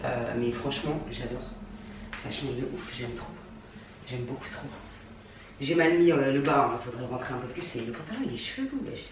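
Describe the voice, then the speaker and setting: A woman's voice: a bass voice, background noise. Gushing slangy young woman in echoey room. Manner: gushing and slangy, quick swings into mock outrage. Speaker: fashion vlogger. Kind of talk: casual clothing haul chat. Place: at home, trying on clothes. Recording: echoey room, mic at a distance, faint music.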